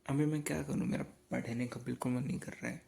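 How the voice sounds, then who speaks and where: Tired indian teen guy vlogging late at night, talking quiet and slow, kinda gravelly. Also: medium pitch, fairly even intonation. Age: late teens. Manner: speaks softly and slowly so as not to wake others; drifts between two languages, rambling and tired. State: sleepy and tired. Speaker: student vlogger. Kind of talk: casual night-time study vlog.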